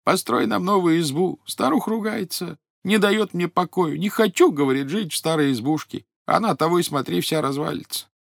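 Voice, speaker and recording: A man's voice: a little high, a little fast, creaky, few pauses, no room sound, clean studio sound, voice pushed up. A man voicing a meek, weary old fisherman who pleads and complains. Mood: complaining.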